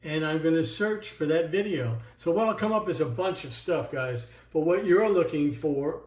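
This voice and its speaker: A man with a fairly high voice leads a casual screen-share workshop, narrating each click as he goes. He talks loosely, with plenty of ums and restarts. The recording has an echoey room sound. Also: expressive, moderate pace. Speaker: workshop presenter. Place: indoors at a computer.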